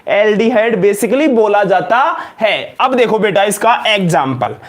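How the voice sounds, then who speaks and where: Male chemistry lecturer with a Rajasthani Hindi accent and a high voice. Loud, emphatic, drills each point by repeating questions to the students. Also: lively intonation, unhurried. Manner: repeats questions to students, calls them beta and janab. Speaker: chemistry teacher. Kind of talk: live online lecture in Hindi.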